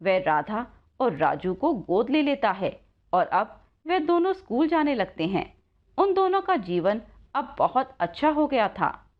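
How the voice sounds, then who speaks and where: Lively woman narrating a moral story. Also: on the high side, unhurried, highs cut off.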